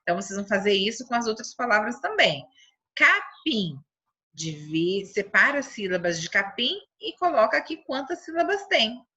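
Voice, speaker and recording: Bright, husky Brazilian teacher talking slowly to kids. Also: female voice, fairly high pitch, lively intonation, highs cut off. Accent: Brazilian Portuguese. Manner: slow, syllable-stretching teacherly delivery. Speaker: primary school teacher. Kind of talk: remote lesson for children.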